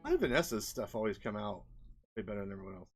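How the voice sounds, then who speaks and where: This man's voice is on the low side, slightly rough and expressive, moving at a quick pace over soft background music. He's an indie game developer casually narrating a screen-share of his experiments, thinking aloud and rambling.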